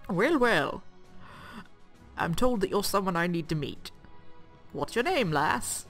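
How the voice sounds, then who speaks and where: A woman's voice: on the low side, big pitch swings, takes it slowly, fairly bright tone, heavily acted. A woman voicing a grumpy, folksy old man, a rebel quartermaster in a video game, with an old-timer's drawl. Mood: gruff, curious. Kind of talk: hobby voice acting of a video game script. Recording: music behind the voice.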